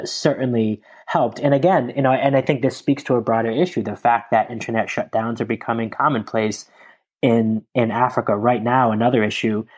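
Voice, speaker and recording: A man from Connecticut speaks as a guest in a conversational interview. His voice sits at an ordinary middle pitch, and he lays out his points in long, earnest, analytical explanations. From Connecticut, USA. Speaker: guest, Africa democracy advocate.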